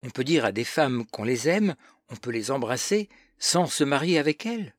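A man's voice: mid-range voice, expressive, moderate pace, no room sound, pitched above the performer's own voice, close to an everyday voice. A man voicing a naive, earnest young girl who asks hesitant, timid questions in an audiobook reading.

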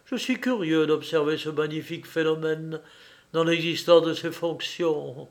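A man's voice: on the high side, unhurried. A man reading the part of a shrewd, devoted young hunchback who speaks fervently and slyly.

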